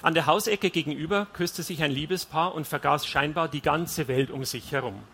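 Male reader, first-person audiobook, wry and confessional, bright tone, slightly raised pitch. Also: moderate pace, breathy edge. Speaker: audiobook narrator.

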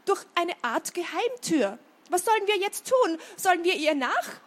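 A woman's voice: very animated, heavily acted. A woman doing a timid, anxious young boy. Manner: anxious, high and quick to worry. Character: timid young boy who sees ghosts.

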